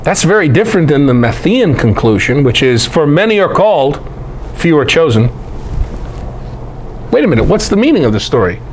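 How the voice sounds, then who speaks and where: A man's voice: on the high side, sing-song, moderate pace, long pauses, a little hiss or hum, rough recording. A man lecturing on scripture in an emphatic, conversational way, with rhetorical questions and folksy asides. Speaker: presenter and Bible teacher. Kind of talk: animated lecture on scripture scholarship.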